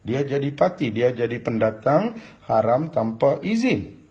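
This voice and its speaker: Husky man from Malaysia, emphatic speaker, pitch swinging widely, dull lo-fi recording. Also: sing-song, measured pace, mellow. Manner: emphatic, argumentative, rhetorical questions. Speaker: speaker addressing the public. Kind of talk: impassioned public address.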